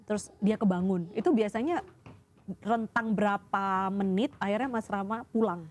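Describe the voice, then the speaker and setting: A woman's voice: medium pitch, moderate pace, a little mellow. A woman from Indonesia hosts a radio interview, asking questions and often murmuring short acknowledgments while her guest talks. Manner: responsive, many short "hmm" backchannels. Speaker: radio host.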